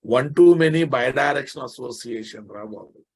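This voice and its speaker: A man with a Telugu Indian accent and a husky, gravelly voice, lecturing informally and bluntly, repeating phrases for emphasis. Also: medium pitch, brisk, a little mellow. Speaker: software programming teacher. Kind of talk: informal live online lecture.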